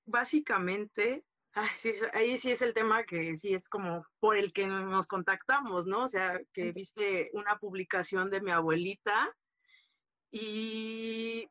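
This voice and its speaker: A woman's voice: mid-range voice, unhurried, a bit bright, no echo. A woman, a guest recounting a personal story in candid, filler-heavy talk. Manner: candid, full of fillers and tag questions. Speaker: interview guest.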